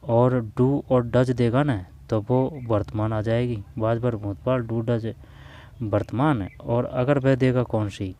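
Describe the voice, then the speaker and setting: Slow, deep-toned man teaching grammar. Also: fairly even intonation, warm tone. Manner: slow, repeats English sentences word by word, drawn out. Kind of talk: exam-prep grammar lesson.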